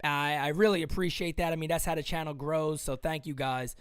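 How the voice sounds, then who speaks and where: Hosting a live-stream sports show, a man talks casually and excitably, muttering one moment and yelling the next in a strained voice. His pitch is on the high side, his pace brisk, and his tone clean.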